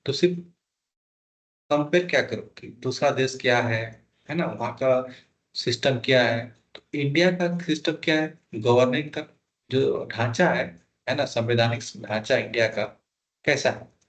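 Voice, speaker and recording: A man's voice: mid-range voice, a little slow. A man teaching a polity lesson for exam prep, asking students questions and repeating key terms. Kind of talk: classroom lecture, Hindi mixed with English.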